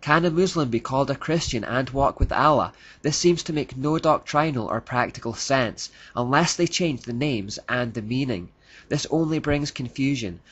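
A man's voice: mid-range voice, moderate pace, fairly bright tone, breathy edge, lo-fi sound. A man giving scripted narration in a critical tone, reading out quotes.

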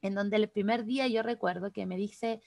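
A woman with a Chilean accent, teaching an online class over a video call, talking quickly and chattily straight to the participants. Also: mid-range voice, steady tone, gravelly, a little mellow, dry recording, clean studio sound. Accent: Chilean Spanish. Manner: fast, chatty, addresses participants directly. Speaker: workshop instructor.

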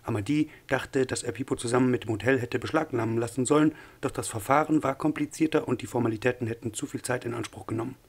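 A man reading an audiobook in a measured, even narration with a husky voice. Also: mid-range voice. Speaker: audiobook reader.

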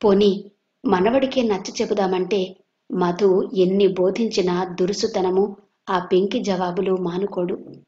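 A woman from Andhra Pradesh, India, narrating a serialized audio novel at a steady, even pace. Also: medium pitch, a little slow. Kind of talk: storybook narration. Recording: dull lo-fi recording.

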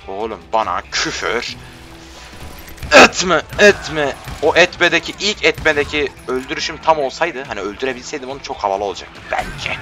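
A man casually commenting while he plays a video game, loud and joking, scolding enemies, on a headset mic. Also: medium pitch. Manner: rowdy, swears at enemies, joking. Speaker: gameplay commentator. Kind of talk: casual let's play commentary. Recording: voice over game audio and music.

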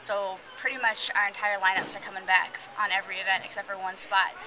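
A woman's voice: medium pitch, flat delivery, fast, background noise. A young woman in her early twenties, a senior college gymnast, answering interview questions in an eager, upbeat way inside a large gym, filmed close to the camera. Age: early 20s. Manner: upbeat, eager, repeats "really". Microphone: camera close to face. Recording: gym chatter in background.

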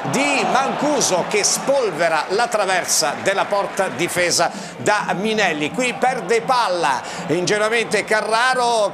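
High-voiced male sports host over noise. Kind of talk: live match-highlights commentary and hosting. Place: TV studio. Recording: clear background noise behind voice.

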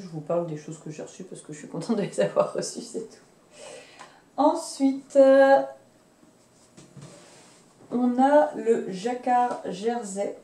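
A woman in her thirties chatting casually about fabric she bought, pausing often with fillers and restarts. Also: mid-range voice, warm tone, far from the mic. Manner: hesitant, many fillers and restarts. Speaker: sewing vlogger. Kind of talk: casual chat showing fabric purchases. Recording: roomy sound, away from the mic.

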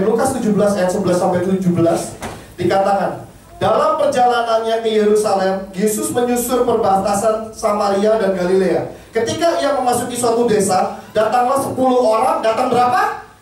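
A man preaching to a congregation with a very high, animated voice, lively and conversational, often putting questions to the room. He is heard from some distance in a strongly echoing church hall. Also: moderate pace. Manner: animated, asks the congregation questions and leads group reading. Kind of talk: sermon mixing Indonesian and English. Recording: echoey hall, mic at a distance.

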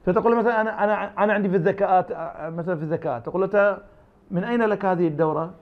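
A high-pitched, rapid-fire voice comes through narrow, tinny audio. He is an Iraqi man with an Iraqi Arabic accent, answering as an academic interview guest and arguing through made-up dialogues.

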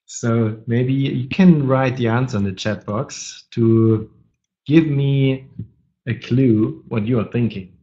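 A man with a cold leads a trading webinar in English, which is not his first language, and he often halts to search for words. His voice sits in a middle pitch. The audio sounds dull and lo-fi, like webinar software. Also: slow pace. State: has a cold. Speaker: webinar presenter.

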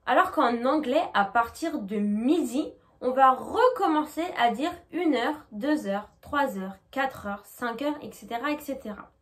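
A woman teaching a lesson, patient and clear, slowly modeling English pronunciation. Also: high voice, animated. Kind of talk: explanatory lesson.

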